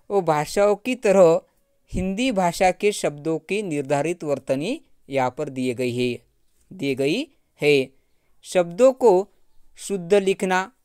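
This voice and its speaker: A middle-aged man teaching Hindi grammar, taking his time and reading words from a list one by one. His voice is smooth and clear, recorded close and dry. He often says a point twice. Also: sits high, a little mellow, no room sound. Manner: reads word lists aloud and repeats points. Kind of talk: grammar lesson.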